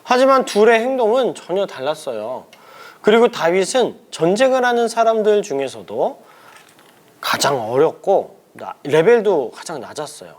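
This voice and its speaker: Lively high-voiced man teaching kids. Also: moderate pace. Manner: animated, questioning, playful exclamations. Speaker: church school teacher. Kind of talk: children's craft lesson.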